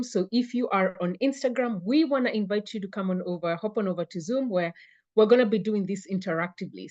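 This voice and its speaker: A fitness coach hosts a live online class as a webinar, upbeat and chatty, greeting viewers by name and repeating phrases. Her middling, slightly mellow voice comes through a computer mic on a video call, and the audio sounds a little dull.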